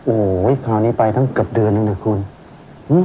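A man's voice: fairly low pitch, steady tone, brisk, lo-fi sound, background noise, close to an everyday voice. An actor playing a middle-aged businessman husband and father, soothing and coaxing. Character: older businessman husband, weary and placating.

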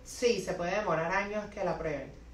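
A young woman lawyer with a lowish voice gives practical, step-by-step immigration advice, often correcting herself mid-sentence. She sits at her desk, and the office adds a roomy echo. The mic is a little far from her. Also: moderate pace, a little hiss or hum. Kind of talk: answering viewer questions. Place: office, seated at a desk indoors. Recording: echoey office, voice a bit distant from the mic.

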